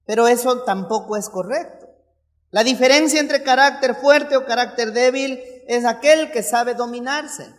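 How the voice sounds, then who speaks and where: Male preacher, lively storytelling sermon, rhetorical questions, long hall echo. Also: very high-pitched, normal speed. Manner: storytelling with rhetorical questions and playful acted asides.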